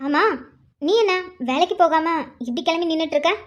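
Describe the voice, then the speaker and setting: A woman voicing a young wife and new mother in a cartoon, quick to anger and scolding her husband. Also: extremely high pitch. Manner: snappy, scolding. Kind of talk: cartoon voice acting.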